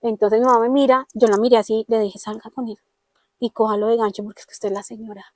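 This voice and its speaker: A woman's voice: fairly high pitch, level tone, quick pace, darkish tone, dry recording. A woman with a Colombian accent giving an earnest personal testimony, often acting out the dialogue she quotes. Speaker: interviewee telling her testimony.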